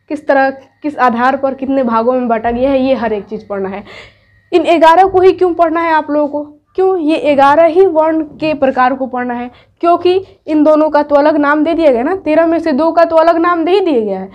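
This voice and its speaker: High-voiced woman teaching grammar. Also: dull audio. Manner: explains step by step, asks and answers her own questions. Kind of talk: grammar lesson for exam students.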